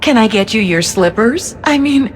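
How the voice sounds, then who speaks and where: A woman's voice: on the high side, animated, normal speed, a little hiss or hum, lightly acted. A woman voicing a doting, seductive female android with a menacing streak in a video game, coaxing as she talks. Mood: flirty, teasing.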